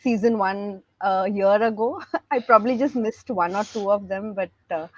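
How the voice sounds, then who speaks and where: A woman co-hosting a webinar, friendly and grateful, speaking a little haltingly. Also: mid-range voice, no echo, highs cut off. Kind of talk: casual webinar talk.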